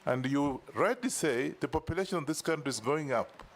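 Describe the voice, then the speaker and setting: A man's voice: fairly high pitch, animated, brisk. A Kenyan man questioning a nominee at a parliamentary hearing, direct and insistent on specifics. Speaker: committee member questioning a nominee.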